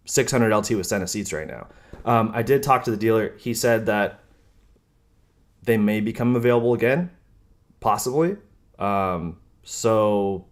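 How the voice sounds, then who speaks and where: A young man casually talking through car options in a vlog, rambling with many ums and self-corrections, now and then sarcastic. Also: medium pitch. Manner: casual, chatty, slightly sarcastic. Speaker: car vlogger.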